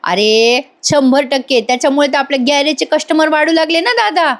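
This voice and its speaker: This is a young garage helper, eager and quick to blurt things out, as a female narrator acts him in a serial recap. He sounds keen and a bit cheeky. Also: high voice, voice pushed up.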